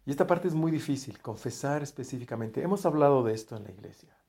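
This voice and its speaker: A man preaching with a warm, mellow voice. His delivery is conversational, with restarts and phrase endings that drop to near quiet. The pitch sits at an ordinary middle height for a man. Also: expressive, fast. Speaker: pastor. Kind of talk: sermon.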